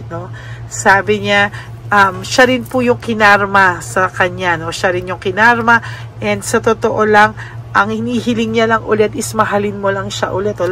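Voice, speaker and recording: A Filipino woman giving a casual spoken card reading to her viewers, gentle and often adding little tag questions. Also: mid-range voice, slight background noise. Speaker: tarot card reader.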